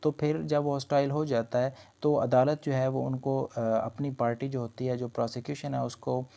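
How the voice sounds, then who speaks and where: In a dark, medium-pitched voice with vocal fry, a man delivers a law lecture flatly at normal speed. He explains legal points in Urdu mixed with English terms, repeating and rephrasing them as he goes.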